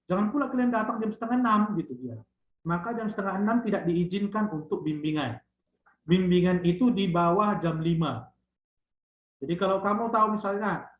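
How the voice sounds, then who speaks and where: Man, thesis lecturer, teasing tags, echoey dull lo-fi audio. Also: sits high. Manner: drawn-out "gitu dia" tags, teasing. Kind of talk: online thesis guidance talk.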